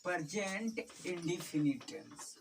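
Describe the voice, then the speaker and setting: A woman's voice: fairly low pitch, expressive, takes it slowly, creaky. A woman tutoring a class, repeating each term and checking often that students follow. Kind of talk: classroom teaching. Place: tuition classroom. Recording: distant mic with faint background noise.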